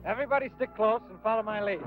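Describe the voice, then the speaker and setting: An actor playing a brisk, practical outdoor guide who gives orders, in 1950s film style. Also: male voice, high-pitched, soft background music, close to an everyday voice. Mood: firm, practical. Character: commanding, practical outdoor guide leading a party. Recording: muffled, noisy old film soundtrack.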